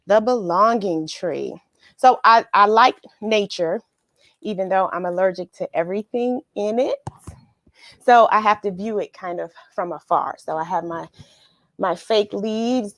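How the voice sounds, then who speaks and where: A woman with a mid-range voice hosts a children's read-along, casual and effusive, using sing-song phrasing and repeated words. She moves between casual livestream greetings and reading a picture book aloud. The recording is dry.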